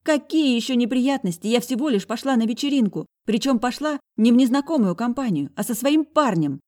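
A woman voicing a defiant eighteen-year-old girl, shrill and indignant in an audiobook. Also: expressive, fairly quick, mellow, natural voice. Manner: shrill, indignant, pushing back. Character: bratty defiant young woman, hot-tempered.

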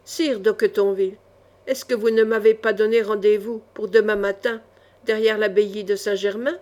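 Woman voicing a calm, mocking swordsman. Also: mid-range voice, normal speed, natural voice. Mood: ironic. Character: calm, ironic young male swordsman hero.

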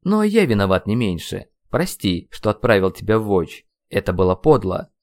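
A man voicing an older wizard mentor in an audiobook, speaking in a calm, grave baritone. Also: dry recording. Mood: sorrowful. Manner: grave and measured. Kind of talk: audiobook character voice.

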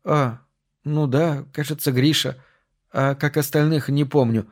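A man's voice: on the high side, steady tone, unhurried. A man voicing a young woman friend who talks in a coaxing, friendly way. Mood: sleepy. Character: young woman, warm old friend, Masha.

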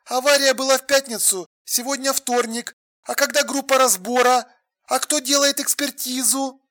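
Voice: sits high, normal speed, pitched above the performer's own voice. An audiobook reader voicing an exasperated adult woman on the phone, insistent and demanding. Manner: insistent, sharp, then drained and flat. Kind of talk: audiobook dialogue.

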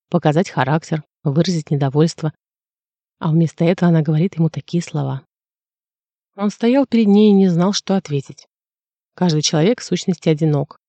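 A man reading a novel aloud in measured, reflective scripted narration. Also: fairly high pitch, dark tone, dry recording. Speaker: audiobook narrator.

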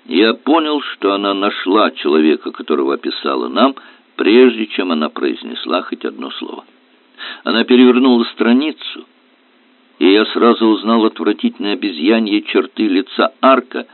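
A man narrates a detective novel in a measured, even reading voice. His pitch sits on the low side. The sound is dry and narrow, like a phone line. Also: no room sound. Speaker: audiobook reader.

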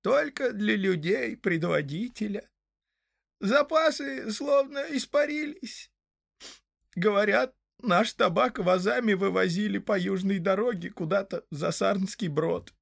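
A man voicing a fretful male hobbit villager in a storybook reading, with a slow, plaintive, complaining way of talking. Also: high voice, vocal fry, dry recording, studio quality, voice pushed up, exaggerated voice. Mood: sorrowful.

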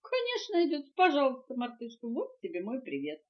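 An older woman voicing a cheerful, good-natured male boa snake with a gracious, drawn-out way of talking, on a dull cassette tape recording. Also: sits high, huge pitch swings.

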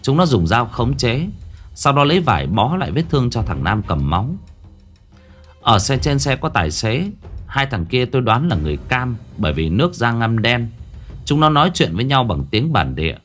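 A man narrating a first-person story in a gruff, dramatic way. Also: medium pitch, sing-song, moderate pace, soft background music. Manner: gruff and dramatic, acting out his own shouted lines.

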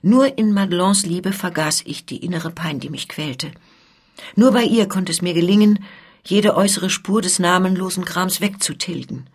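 A woman's voice: on the low side, moderate pace, breathy edge. A woman reading as an anguished young journeyman. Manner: earnest, agitated confession.

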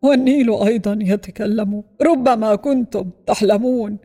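A woman's voice: on the high side, normal speed, dark tone. A woman voicing an amused, doubtful grandfather who teases the children in a storybook reading. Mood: teasing. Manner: chuckling, teasing disbelief.

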